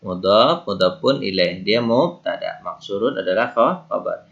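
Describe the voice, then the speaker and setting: A man's voice: fairly low pitch, animated, unhurried, vocal fry, fairly bright tone, highs cut off. A man teaching Arabic grammar, explaining patiently with examples and rhetorical questions. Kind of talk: grammar lesson.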